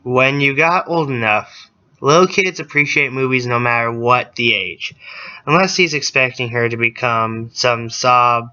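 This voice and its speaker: A man's voice: mid-range voice, a little slow, pushed and bright, smooth. A man giving wry, sarcastic casual banter as co-reader during a mock reading. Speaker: co-reader and commentator. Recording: dull lo-fi recording.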